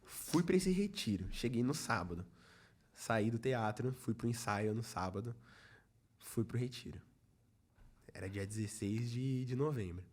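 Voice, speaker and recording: A young man from Brazil tells a personal faith testimony as a podcast guest. He talks in an easy, chatty storytelling way at a middle pitch and keeps acting out what other people said to him. It is casual conversation, not a performance. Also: animated, unhurried, a little mellow. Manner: storytelling, acts out quoted dialogue, many "falei assim" asides. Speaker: podcast guest, youth ministry leader.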